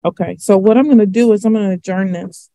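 A middle-aged woman speaks as a judge in a hearing. Her mid-pitched voice is formal and firm, with halting pauses. The sound is dry, with little room in it. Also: warm tone, no room sound. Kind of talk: presiding over a court hearing. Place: courtroom, video call.

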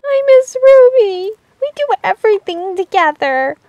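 A woman acting as a toy-story girl pony, very high pitched, swooping, whiny, gushing, needy and excitable. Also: moderate pace, no room sound, dull audio. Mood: whiny, lonely. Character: needy, excitable female pony missing her friend.

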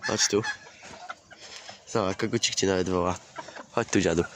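A man's voice: deep voice, steady tone, moderate pace, fairly bright tone. Chatty man filming his hens outdoors. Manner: chatty, swears casually, coaxes and scolds his hens. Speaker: poultry keeper vlogger. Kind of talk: casual outdoor vlog. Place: outdoor farmyard with chickens. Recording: outdoor camera audio, clear farmyard noise. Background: clucking hens and a crowing rooster.

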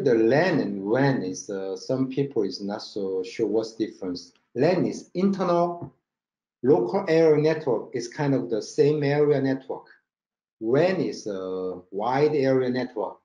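A mellow man with a Korean accent speaks at medium pitch in an animated way, his non-native English halting and full of check-in words. He's a company marketing director giving a product presentation over slides in an online webinar with screen share. The audio from the indoor room is roomy and dull.

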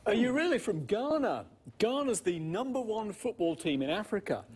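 A man playing a sports-mad man in his forties, part of a scripted English lesson. His voice is slightly husky and his delivery slow and deliberate. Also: high voice, sing-song, a little mellow, heavily acted. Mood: enthusiastic. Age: 40s.

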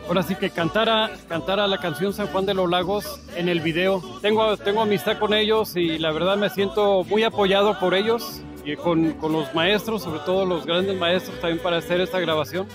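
A man's voice: sits high, fairly even intonation. An older man from Jalisco with a Mexican accent, a songwriter talking earnestly in a casual interview, full of restarts, seated outdoors in a garden. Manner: earnest, halting with many restarts. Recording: music playing behind.

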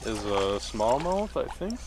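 A man's voice: medium pitch, sing-song, unhurried, over music. A young man giving upbeat running commentary while fishing from a small boat on a lake, recorded on a handheld camera. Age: young adult. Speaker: fishing vlogger. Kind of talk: casual outdoor vlog commentary.

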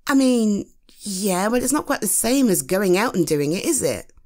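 This roleplay voice performer, a British woman, speaks at normal speed in a mid-range voice. Casually addressing her partner as an eager, playful girlfriend who flusters easily, she comes across as cute, coaxing, giggly and expressive.

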